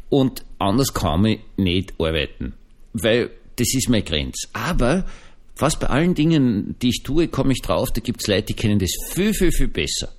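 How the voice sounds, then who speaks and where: A male Protestant pastor with an Austrian German accent, talking casually and folksily to his online listeners, just back on his feet after being ill. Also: on the low side. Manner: chatty, rambling, folksy, addresses listeners directly. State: recovering from illness. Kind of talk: casual spoken podcast reflection.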